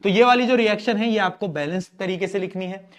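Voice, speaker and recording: A man, teaching an online class in a chatty, teasing way and reading questions out slowly. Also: high voice. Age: 20s. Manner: chatty, teasing, jokes with students.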